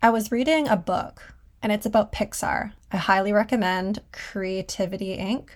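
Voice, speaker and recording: A woman's voice: mid-range voice, normal speed. A woman hosting a solo podcast from her closet at home, talking casually and conversationally with a self-deprecating streak. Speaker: podcast host and designer. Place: small clothes closet at home.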